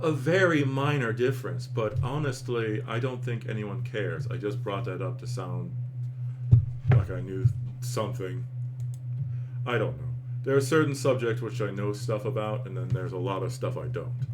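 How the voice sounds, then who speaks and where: A man's voice: fairly low pitch, moderate pace. A man with a standard American accent, chatting casually in a rambling, self-deprecating way as he reacts and comments. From United States. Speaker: online host reacting and commenting. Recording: clear background noise.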